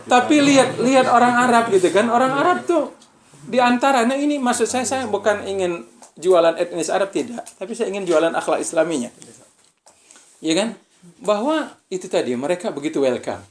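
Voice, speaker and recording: A man giving a relaxed religious study talk to students, speaking with an Indonesian accent and checking in with his listeners often. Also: high-pitched, a little fast, a little hiss or hum. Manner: conversational, keeps asking "ya kan?". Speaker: visiting preacher.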